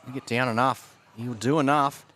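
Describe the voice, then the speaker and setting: A man doing relaxed, conversational live commentary on a sports broadcast. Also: medium pitch, moderate pace.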